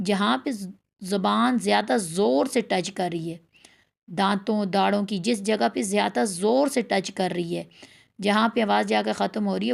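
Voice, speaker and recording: A woman teaching a tajweed lesson, repeating letter sounds slowly and drawn out as she explains how to pronounce them. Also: mid-range voice, gravelly. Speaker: Quran recitation teacher.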